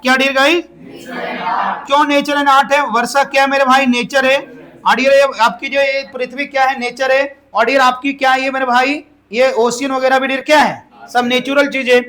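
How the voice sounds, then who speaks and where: A man's voice: very high voice, pushed and bright. A middle-aged man giving a classroom lecture, repeatedly asking his students questions and drawing out words. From India. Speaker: English teacher.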